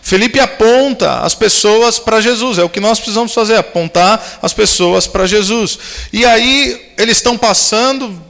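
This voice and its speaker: In a large camp meeting hall with long reverb, a pastor with a high, creaky, slightly bright voice speaks at normal speed. His sermon to young campers is built on personal stories, acted-out conversations and jokes along the way.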